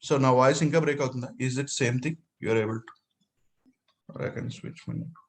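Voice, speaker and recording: A man's voice: medium pitch, a little slow, slight background noise. A man with a Telugu accent teaching an online class, mixing Telugu and English, his voice breaking up over a bad connection. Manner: explains step by step, mixing Telugu and English with frequent "okay" and "right?". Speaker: data analytics instructor. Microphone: online call.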